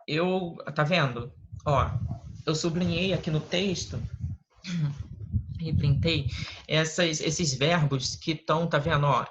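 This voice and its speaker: A Brazilian English teacher with a Brazilian Portuguese accent, patiently explaining step by step in an online lesson over a video call. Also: medium pitch. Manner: patient, explains step by step, often adds tag questions. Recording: lo-fi call audio with faint noise.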